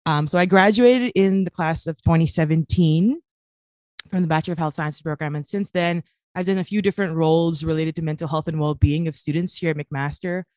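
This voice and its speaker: A woman in her late twenties who grew up in Kuwait speaks as a podcast guest, using many fillers in an earnest, casual interview. Her voice sits on the low side with a darkish tone, recorded with no echo.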